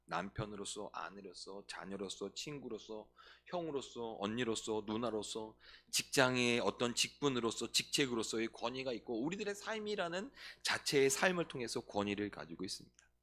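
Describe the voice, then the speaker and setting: A man's voice: lowish voice, expressive, moderate pace, fairly bright tone. A male pastor preaching a sermon, often putting questions to the congregation and answering them himself. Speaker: senior pastor.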